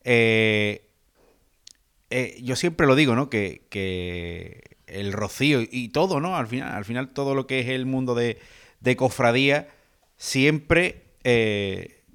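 A man co-hosting a podcast who speaks hesitantly and fills his pauses with "eh". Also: mid-range voice, expressive, a bit bright, clean tone. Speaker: podcast co-host. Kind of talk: casual conversation.

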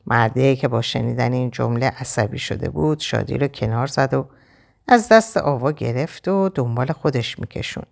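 A woman's voice: very deep voice, creaky. A woman reading a dramatic story aloud in first person, narrating expressively.

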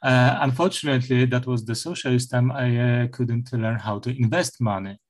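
Middle-aged male professor, halting interview answers full of fillers. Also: mid-range voice, fairly even intonation. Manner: hesitant, many filler sounds and restarts. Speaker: university professor, interview guest.

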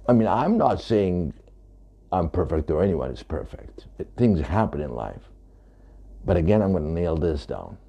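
Very deep gravelly man, emphatic. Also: very animated, moderate pace, muffled recording. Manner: emphatic, repeating points. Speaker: author. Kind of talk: talking to camera about his book.

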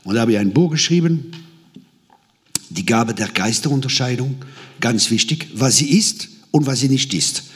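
A man preaching a sermon in a middle-pitched voice. He is animated and tells stories, and he slips into different voices when he quotes people. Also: moderate pace.

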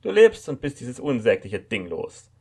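Here a man pushes his mid-range voice upward in an exaggerated, husky way, with vocal fry, a darkish tone, and wildly swooping pitch at a moderate pace. He's portraying a red-haired rebel woman around thirty who carries a weapon and holds the upper hand, sounding snippy, cool, and commanding.

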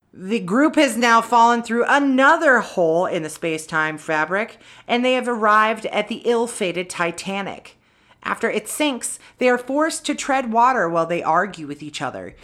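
A woman's voice: on the high side, fairly bright tone. A woman co-hosting a podcast, casually recapping a film's plot, swearing freely and adding wry asides. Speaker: podcast co-host.

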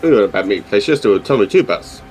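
A man's voice: lowish voice, expressive, racing, darkish tone, a little hiss or hum. A man chatting casually as a player in a tabletop role-playing game.

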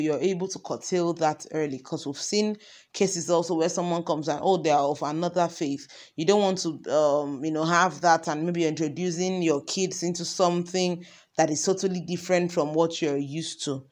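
Her voice is lowish and darkish, steady in tone at a normal speed, as she teaches parenting informally. The lesson feels like a conversation, packed with example questions and frequent ums and you knows.

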